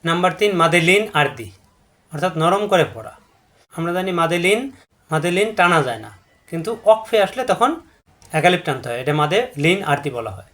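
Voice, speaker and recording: A man's voice: fairly high pitch, big pitch swings, brisk, fairly bright tone. A man teaching a Quran recitation lesson, patiently repeating rules and drawing out syllables to demonstrate them. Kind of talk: step-by-step tajweed lesson.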